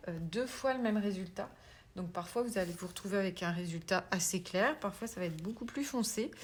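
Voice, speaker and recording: Woman, craft tutorial host, chatty and self-mocking, mid-range voice, faint background hiss. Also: medium pitch. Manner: chatty, drops to soft whispered asides while working; self-mocking, laughs at her own English pronunciation. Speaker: craft demonstrator. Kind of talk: casual tutorial demonstration.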